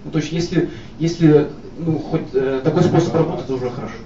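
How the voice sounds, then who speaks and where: Быстро говорящий мужчина, гулкое эхо как в пустом складе. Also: male voice, a little high, steady tone, fast talker, dark tone. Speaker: event moderator. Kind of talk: informal live discussion with an audience. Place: echoey indoor hall at a live event. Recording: echoey hall, distant mic, muffled, noisy.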